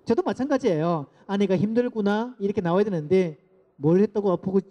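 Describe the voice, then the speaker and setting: A middle-aged man giving a lecture to parents, lively and asking the audience to repeat phrases after him. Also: sits high, fast. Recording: dull lo-fi lecture recording.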